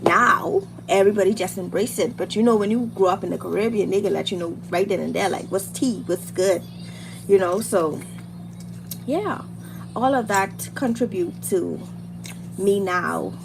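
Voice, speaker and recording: This Bahamian woman runs a livestream as a beauty and hair content creator, talking at a normal pace in a mid-range, creaky voice. While applying makeup she offers encouraging, casual girl talk, repeating phrases for emphasis as loud background noise fills the stream.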